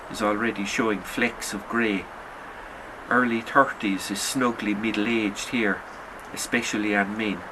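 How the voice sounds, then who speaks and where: A man reads his own short story aloud, as an author would at a reading. His fairly low voice carries a sombre, measured delivery, while distinct background noise, something like outdoor ambience, plays behind him.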